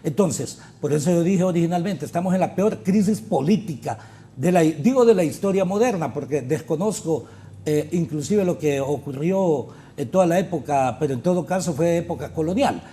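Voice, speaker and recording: Male politician guest, emphatic and argumentative, slightly high voice. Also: expressive, normal speed, dark tone. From Honduras. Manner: argumentative, emphatic with rhetorical questions. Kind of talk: political interview commentary.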